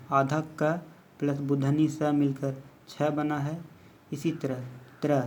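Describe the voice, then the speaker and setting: A man's voice: fairly high pitch, darkish tone, slight background noise. A man teaching a basic grammar lesson, explaining step by step and counting letters aloud.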